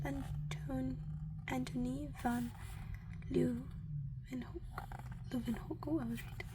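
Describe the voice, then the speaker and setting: A woman doing a soft-spoken ASMR reading from a book in a gentle, breathy voice that often sinks into a whisper, unhurried, with murmured asides. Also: high voice, noisy background.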